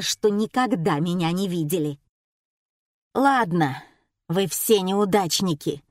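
A woman voicing a loud, crude, self-important middle-aged woman diner who talks down to everyone. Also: mid-range voice, no room sound, clean studio sound. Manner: brash, crude, haughty.

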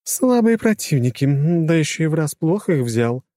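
A sardonic, teasing young female spirit in a storybook reading, as a male narrator pitches his voice up for her. Her lively, swooping lines sound close and dry. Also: normal speed, no room sound, lightly acted. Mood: dismissive. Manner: critical, teasing remarks.

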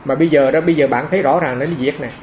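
A man's voice: a little high, racing, a little mellow, a little hiss or hum, low-quality recording. A man giving a dharma talk as a monk, homely and repeating phrases for emphasis.

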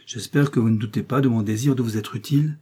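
Un homme qui fait parler une jeune femme réservée et douce mais ferme, dans un livre audio. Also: male voice, medium pitch, fast talker, mellow, husky, close to an everyday voice. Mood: earnest, reserved. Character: reserved young woman, gentle, quietly firm.

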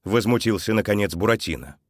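Low-voiced male storyteller, dry sound. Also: animated, brisk, no echo. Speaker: narrator. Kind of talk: expressive storybook narration.

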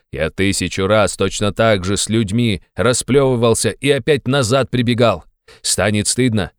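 A man voicing a hot-tempered, blustering young male friend who shouts and scolds. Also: medium pitch, clean tone, dry recording, clean studio sound, voice pushed up, natural voice.

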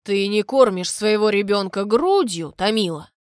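A man's voice: high voice, measured pace, no echo, studio quality. A woman doing a stern cold man. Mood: curt. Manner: curt, commanding, louder than the narration.

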